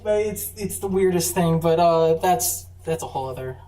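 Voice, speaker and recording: A convention panel presenter giving a casual, chatty talk on film, full of fillers and quick laughs. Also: mid-range voice, expressive, dark tone. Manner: enthusiastic, chatty, laughs often, many fillers. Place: university convention room. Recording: echoey room, far mic, faint hum.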